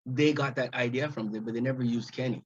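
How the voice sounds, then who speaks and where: A man's voice: medium pitch, fairly even intonation, a little fast, breathy edge. A man in his fifties from Jamaica, raised in Montreal, telling stories as a comedy guest in a casual interview, laughing often and restarting his sentences. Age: 50s. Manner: laughing, rambling storyteller with restarts. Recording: dull lo-fi sound.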